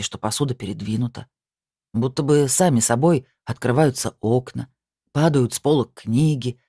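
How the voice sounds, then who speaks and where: A narrator voicing a calm, stern male medium who speaks slowly and gravely. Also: medium pitch, dry recording, clean studio sound, lightly acted.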